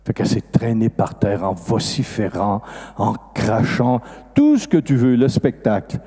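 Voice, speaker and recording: This is an older man with a Québécois French accent, a priest telling a story from the pulpit. His voice is mellow and a little husky, and it swings widely in pitch as he acts out the dialogue. A long reverb from a big hall trails after every phrase. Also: unhurried. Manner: animated, acts out dialogue with sudden rises in pitch. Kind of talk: storytelling sermon. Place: large festival hall.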